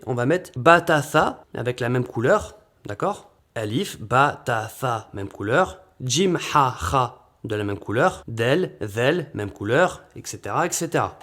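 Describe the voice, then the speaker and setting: A man presenting a children's book in a casual walkthrough, chatty, sounding out letter names and often asking "d'accord?". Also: fairly high pitch. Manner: chatty, repeats "d'accord" and "vraiment". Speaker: bookshop presenter.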